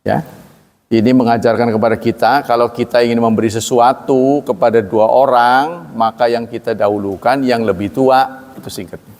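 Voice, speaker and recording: A man's voice: steady tone, moderate pace, darkish tone. A man with an Indonesian accent teaching a hadith lesson, reading Arabic passages and then explaining them in plain, everyday speech. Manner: reads Arabic text then explains in plain speech, raising pitch for quoted lines. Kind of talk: sermon-style hadith lesson. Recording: long reverb in a hall.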